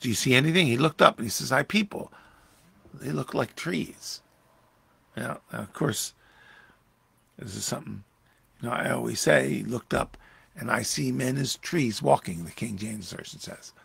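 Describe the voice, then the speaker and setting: A man pastor teaching a Bible study in a conversational, animated way, raising his voice when acting out quoted lines. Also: mid-range voice, normal speed, creaky, pauses often, slightly rough, no echo.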